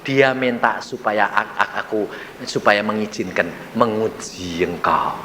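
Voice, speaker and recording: Preacher doing a grave, measured male jesus, low and soft, echoey hall. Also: slight background noise. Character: calm, authoritative male Jesus.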